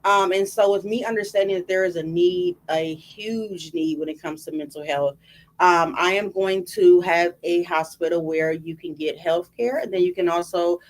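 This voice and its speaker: A woman's voice: on the low side, fairly even intonation, moderate pace. A woman guest in a casual interview, talking earnestly and reassuringly about helping people. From Dallas-Fort Worth area. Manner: earnest, affirming.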